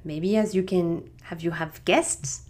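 A middle-aged Frenchwoman, a native speaker with a French accent, hosts a podcast and tells her own story. Her voice is fairly low and a little mellow, and she speaks in an unhurried, reflective way, often restarting her sentences.

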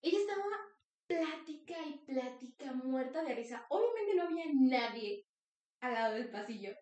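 Animated Mexican woman telling a story. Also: sits high, normal speed. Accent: Mexican Spanish. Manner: animated, acts out voices, frequent "te lo juro". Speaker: podcast co-host. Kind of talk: casual storytelling chat. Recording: roomy, distant mic.

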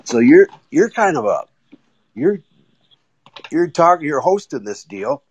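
A guest caller phones into a casual chat on a live audio app using an iPhone, eager and enthusiastic but halting, starting and restarting as he talks. His voice is on the high side and sing-song, and the recording is muffled with a little hiss or hum.

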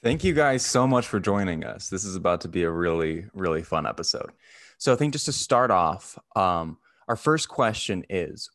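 Deep-voiced man moderating a panel. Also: fairly bright tone, no room sound, clean studio sound. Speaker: podcast moderator. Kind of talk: casual moderation.

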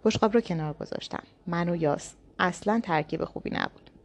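A woman narrating a novel in the first person, in a calm, inward storytelling manner. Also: on the low side. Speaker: audiobook narrator.

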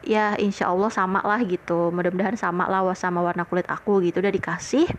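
A woman's voice: lowish voice, level tone, fast, slight background noise. A young woman hosting a podcast, telling a personal story in a casual, chatty way, full of fillers and retold conversations, earnest and grateful. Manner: chatty, leans on frequent fillers and retells conversations. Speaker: podcast host.

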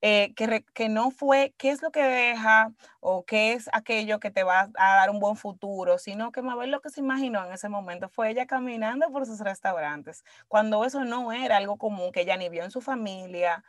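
A woman's voice: mid-range voice, moderate pace, dry recording, studio quality. A woman with a Dominican Spanish accent in casual conversation, reflective and emphatic, slipping English words into her Spanish and checking for agreement. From Dominican Republic. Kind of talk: casual conversational interview, personal storytelling.

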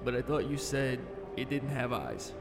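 A man voicing a calm male investigator who questions a witness formally and in a measured way, in an audio horror story. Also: medium pitch, creaky, music in the background. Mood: probing, curt.

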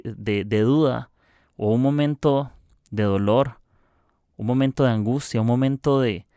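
A man's voice: mid-range voice, darkish tone, dry recording. Guy doing a laid back devotional talk, joking around, acts out little dialogues, dry close sound. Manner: conversational, acts out dialogue in quotes; playful, jokes about church habits. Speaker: preacher.

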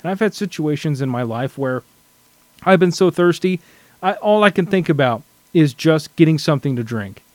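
A man's voice: fairly high pitch, lively intonation, normal speed, dry recording. A man sharing his thoughts in a casual scripture study discussion, earnest and reflective, often restarting his sentences.

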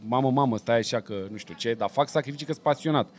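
A man hosting a casual chat, often agreeing briefly and hunting for words before arguing with animation. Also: mid-range voice. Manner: frequent short agreements, hesitant fillers, then animated arguing.

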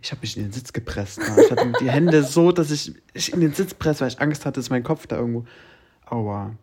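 A woman in casual chat with a friend, teasing and laughing often, sometimes sinking to a quiet murmur. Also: extremely low pitch, animated, fairly quick, husky. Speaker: co-host.

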